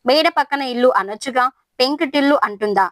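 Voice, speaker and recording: A woman's voice: high voice, a little fast, no room sound, voice pushed up, natural voice. A woman doing a proud, bitter young wife. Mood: indignant. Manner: resentful, indignant.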